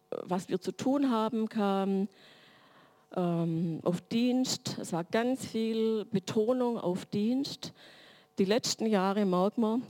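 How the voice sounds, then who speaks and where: A woman's voice: medium pitch, warm tone. A middle-aged woman giving a sermon-like teaching talk in a reflective way, building her points through long spoken lists. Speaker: church speaker.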